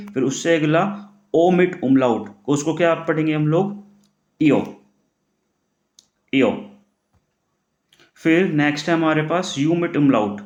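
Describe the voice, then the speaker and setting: A man teaching the German alphabet in a classroom style, putting questions to the class and answering them himself, repeating words slowly. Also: a little high. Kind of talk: classroom-style lesson explaining pronunciation. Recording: echoey room.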